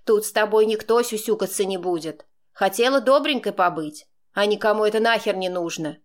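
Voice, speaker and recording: A woman's voice: medium pitch, a little fast, close to an everyday voice. A woman voicing a brash, crude-spoken middle-aged aunt who scolds and mocks her niece in an audiobook. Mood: scolding. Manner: scolding and mocking, then soothing.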